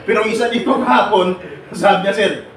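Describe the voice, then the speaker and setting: A man's voice: high-pitched, brisk. A middle-aged man speaking at a seminar, asking the audience questions, joking and laughing often. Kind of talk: lively lecture to a live audience. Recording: echoey room from far off, noisy.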